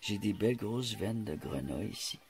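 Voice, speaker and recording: A man with a Quebec French accent and a gravelly morning voice full of vocal fry, casually demonstrating something hands-on and hesitating as he searches for words. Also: fairly low pitch, lively intonation, moderate pace, a little hiss or hum. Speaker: host showing rock-cleaning experiments. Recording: music playing loudly over the voice. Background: loud music.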